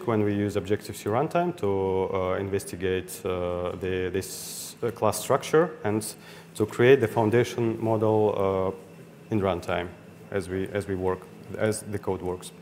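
A young conference speaker with a Russian accent talks in a low-leaning voice with a darkish tone. His technical meetup presentation is halting, packed with fillers and restarts, recorded in a room with an audience, hall reverb and faint ambient noise.

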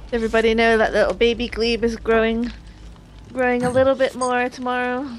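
A woman's voice: on the high side, little pitch movement, fairly quick, soft background music. Teasing woman in a gaming chat. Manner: teasing, playful.

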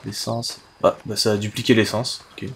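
A man's voice: lowish voice, little pitch movement, normal speed, vocal fry, fairly bright tone, slight background noise. A man giving casual commentary as he plays a video game. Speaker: let's play host.

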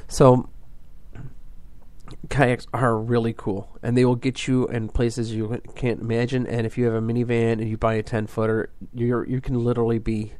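A man's voice: mid-range voice, flat delivery, normal speed, darkish tone, no echo. A man hosting a fishing podcast, explaining things in a casual, rambling way full of fillers and restarts.

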